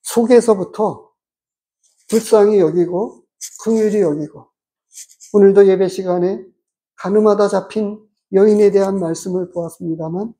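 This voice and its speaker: A pastor giving a measured, explanatory sermon and asking the congregation rhetorical questions. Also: mid-range voice, warm tone.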